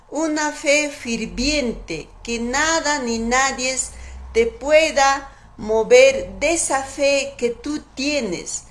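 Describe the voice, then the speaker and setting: A woman preaching a sermon in a slow, emphatic, fervent way, repeating her key words. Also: sits high.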